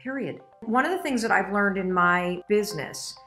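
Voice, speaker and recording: A woman's voice: mid-range voice, animated, moderate pace, pushed and bright, soft background music. A middle-aged woman telling a personal story and giving a motivational talk, emphatic and emotional, speaking straight to her viewers.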